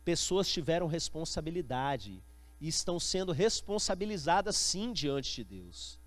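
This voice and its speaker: A man's voice: a little high, sing-song, moderate pace, dry recording. A male pastor with a Brazilian Portuguese accent, preaching an emphatic sermon and addressing listeners as brothers.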